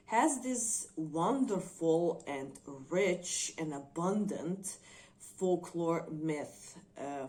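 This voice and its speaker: A woman from Croatia, reviewing movies on her channel in a thoughtful, hesitant way with frequent pauses. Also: sits low, darkish tone. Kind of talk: unscripted video commentary.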